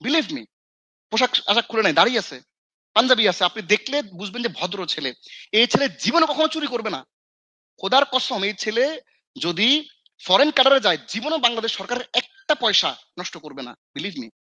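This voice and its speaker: Bright, high-voiced Bangladeshi man telling stories. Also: moderate pace, dry recording. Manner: animated storyteller, acts out scolding quotes, mixes in English phrases. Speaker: Islamic scholar and mentor. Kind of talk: casual podcast talk.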